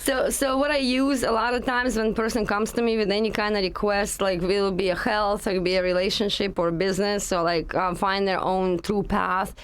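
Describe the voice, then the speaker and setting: A woman from Russia with a Russian accent, a guest in a casual interview, talking in a halting way with many fillers. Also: medium pitch, steady tone, clean tone. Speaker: guest, energy practitioner.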